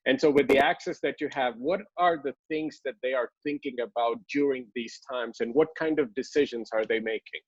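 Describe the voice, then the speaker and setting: A man, a pastor hosting an interview, asking long questions with halting restarts. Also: medium pitch, slightly rough, dry recording. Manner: halting, many fillers and restarts, frequent "mm" and "amen" as backchannel. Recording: dry dull lo-fi sound.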